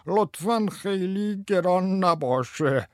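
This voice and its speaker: A man doing a shrill trembling naive customer. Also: lively intonation, no echo, studio quality. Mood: timid. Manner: slow, quavering, squeaky. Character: naive near-sighted young male customer, shrill and trembling.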